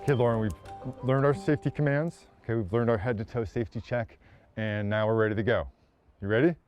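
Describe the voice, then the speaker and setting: A man's voice: medium pitch, steady tone, fast, muffled recording, music in the background. A man working as a rock climbing guide, explaining plainly and encouragingly in casual outdoor talk. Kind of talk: casual interview talk and on-location instruction. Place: outdoors on wooded trail and cliffs.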